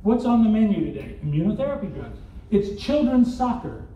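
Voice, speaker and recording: An older Southern man from Arkansas gives a conference keynote in a large hotel hall, full of rhetorical questions and wry asides. His voice sits high with a dark tone, very animated and a little fast. It was captured on a phone camera far off in the audience, so it sounds distant, echoey, and dull.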